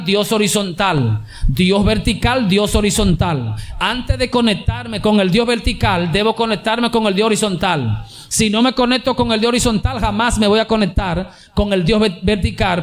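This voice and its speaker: Male pastor, fairly high voice, emphatic repetitive sermon delivery with rhetorical questions.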